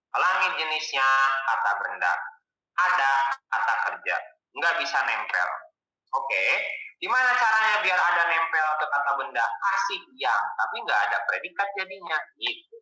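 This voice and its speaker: A male tutor with a very bright, crisp voice, talking through the lesson in a loose, conversational way. He poses questions and then answers them himself. The sound is roomy and echoey, picked up from some distance off the mic. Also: a little high. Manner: relaxed, colloquial explaining. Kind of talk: casual exam-prep lesson.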